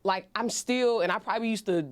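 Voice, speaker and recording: A woman's voice: mid-range voice, brisk, smooth, dry recording. A woman on a discussion panel, speaking bluntly and casually, with lots of "like" and "you know".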